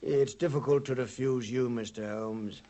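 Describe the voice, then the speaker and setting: An actor playing a stern, dogged police inspector in a 1950s radio drama, blunt, official and grudgingly deferential. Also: male voice, mid-range voice, moderate pace, warm tone, natural voice. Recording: slightly muffled vintage 1950s radio recording.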